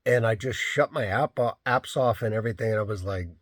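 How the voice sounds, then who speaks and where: A man's voice: lowish voice, a little fast, no room sound, clean studio sound. A man, a rideshare driver, casually telling a story in a rambling way, full of "like" and "you know".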